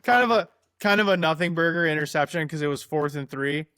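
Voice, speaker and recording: A man with a fairly high voice trades sarcastic takes on football, reacting quickly to the game as it plays. His voice sits close and dry against the mic. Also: fairly bright tone, clean tone, no room sound. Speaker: podcast co-host. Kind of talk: casual sports chat.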